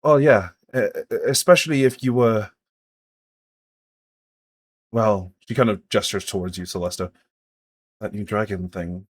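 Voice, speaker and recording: A man's voice: on the low side, a little slow, long pauses, husky. A man voicing a nervous, sweaty masked woman who is a dragon scholar, stammering and hesitant in a tabletop game.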